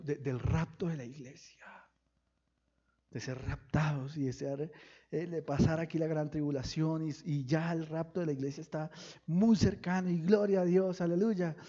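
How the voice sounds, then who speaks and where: A pastor preaching a sermon, firing questions at the congregation and breaking into sudden loud bursts. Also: male voice, on the high side, dull audio. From Colombia.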